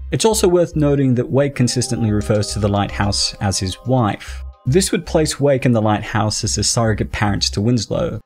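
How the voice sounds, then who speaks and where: A man giving scripted, measured narration for a film explainer video. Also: on the low side, darkish tone.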